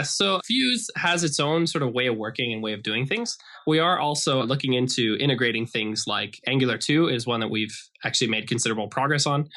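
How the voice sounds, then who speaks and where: Guesting on a conversational podcast, this American software developer from Idaho explains things in a relaxed way, with frequent uses of "like." His voice is medium in pitch, bright and forceful.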